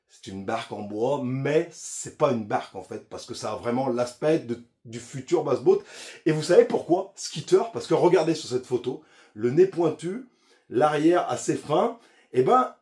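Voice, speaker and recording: Fishing youtuber guy, kinda high voice, chatty and slangy, tells it like a mate. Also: darkish tone. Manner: chatty and slangy, with frequent restarts and asides to the viewer. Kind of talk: casual explainer vlog.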